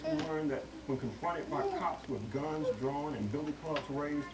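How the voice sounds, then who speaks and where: A man's voice: mid-range voice, roomy sound, distant mic, background noise. A man reading a pointed TV news commentary, heard as a broadcast recorded onto an old VHS tape. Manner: measured, pointed editorial delivery. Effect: TV broadcast taped on old VHS. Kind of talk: read commentary.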